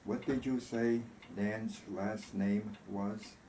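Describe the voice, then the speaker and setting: Man as thoughtful male veteran, storybook reading, gentle, slightly dark voice, echoey. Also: fairly low pitch, fairly even intonation, slow. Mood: puzzled. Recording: roomy echo, faint background noise.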